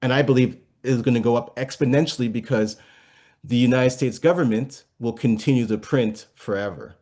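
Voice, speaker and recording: Here a guest investment speaker talks at normal speed in a mid-range, a little mellow voice. He walks through ideas patiently, often restarting and leaning on fillers, and checks that listeners understand.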